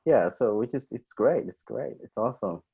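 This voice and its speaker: A man's voice: medium pitch, expressive, moderate pace, creaky, warm tone, slightly rough. A man hosting a podcast interview in casual chat, enthusiastic and rambling, heard over a video call. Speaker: podcast host.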